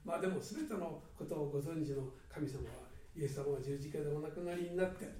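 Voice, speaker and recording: A man preaching a sermon earnestly, swinging between loud and hushed delivery. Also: fairly high pitch, quick pace. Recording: echoey hall, mic at a distance.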